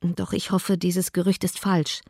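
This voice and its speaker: A woman voicing a kind, gentle young woman who speaks in a soft, measured, conciliatory way in an audiobook reading. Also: on the low side, little pitch movement, no echo, studio quality.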